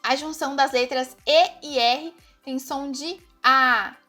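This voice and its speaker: A Brazilian woman teaching German pronunciation in an online lesson, explaining step by step and repeating example words slowly. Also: high-pitched, bright, forceful tone, faint music behind.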